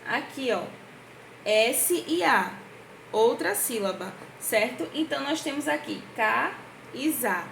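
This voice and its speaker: A woman teacher, fairly high-pitched, takes young children through a review lesson at a board. She speaks in a patient, sing-song way, drawing out syllables slowly. The room is echoey with a faint hiss behind her. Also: animated, gravelly, fairly bright tone. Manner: slow, drawn-out words when spelling out syllables. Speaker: primary school teacher. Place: indoor room at a board, writing with a marker.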